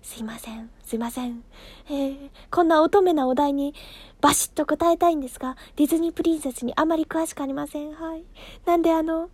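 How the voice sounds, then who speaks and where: A woman with a high, light voice talks on her own in a loose, chatty way. She fills her sentences with "um" and little asides and pokes fun at herself. The sound is close and dry, with no room around it. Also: quick pace, a little mellow, no echo. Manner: chatty and self-deprecating, with many fillers. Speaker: solo talk show host. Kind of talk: casual solo chat.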